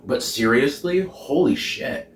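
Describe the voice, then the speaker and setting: Animated and slow, with a mid-range voice, this young man in drag hosts a cooking vlog at home, bubbly and laughing, swearing frequently as he samples the food in a mock Irish accent. His camera mic is several feet away indoors, giving an off-mic, echoey kitchen sound with slight noise behind it.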